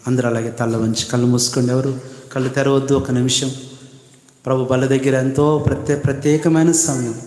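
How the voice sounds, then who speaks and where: A man preaching a sermon as pastor, in impassioned, rising tones that soften into quiet prayer. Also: medium pitch, flat delivery, brisk. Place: church hall. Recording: echoey hall with long reverb.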